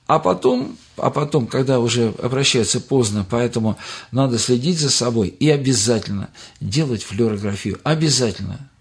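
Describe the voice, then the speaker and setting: A retired older man answers interview questions as a doctor. His voice is husky, with a middling pitch, and he rambles, stops to restart phrases and fills gaps with hesitations. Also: animated, moderate pace.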